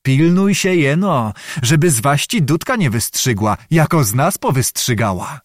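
A small, mocking young officer who needles his friends with sly, unhurried jokes. A man puts on this voice in a dry-sounding audiobook. His lines are lively and drawn out for effect. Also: a little high, no room sound. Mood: teasing. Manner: teasing, sly, deliberate.

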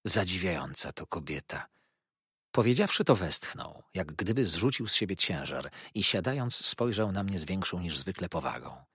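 A man narrating a classic novel as an audiobook, in a measured, expressive reading. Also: low voice, slightly rough, no echo, studio quality.

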